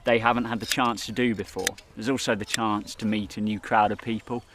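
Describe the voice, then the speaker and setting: Brief: young man, assistant farm manager, measured delivery, outdoor camera audio with clear noise behind him. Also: fairly low pitch, little pitch movement. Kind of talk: interview answers. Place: outdoor pasture.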